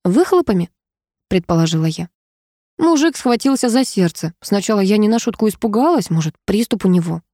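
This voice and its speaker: A woman reading a first-person novel aloud with lively, expressive storytelling. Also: mid-range voice, a little fast, dry recording, clean studio sound. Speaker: audiobook narrator.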